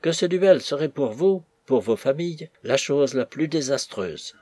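A smooth, placating gentleman's envoy pleads his case in measured, persuasive tones, as a male reader puts him on. The voice is husky and mid-pitched. The sound is dry and close. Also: lively intonation, no echo.

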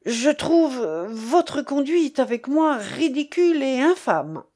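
A woman's voice: a little high, big pitch swings, moderate pace, a little mellow. A woman reading the part of a defensive young man protesting an insult. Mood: offended.

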